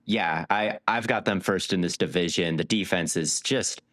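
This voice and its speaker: Deep-voiced man breaking down stats. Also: normal speed, no room sound, clean studio sound. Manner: stat-heavy, animated analysis. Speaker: podcast co-host. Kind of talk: casual sports chat.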